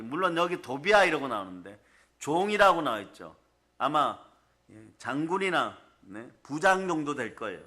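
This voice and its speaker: A male pastor preaching a sermon to his congregation in a church, often firing questions at them and telling animated stories. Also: fairly high pitch. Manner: keeps asking the congregation questions.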